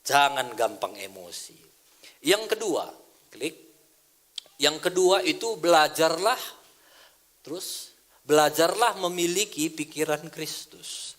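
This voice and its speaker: A man's voice: fairly high pitch, slow pace, long pauses. A middle-aged male pastor with a Karo Batak Indonesian accent, preaching a sermon and telling stories with acted-out dialogue. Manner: animated storytelling, acting out dialogue in a raised voice.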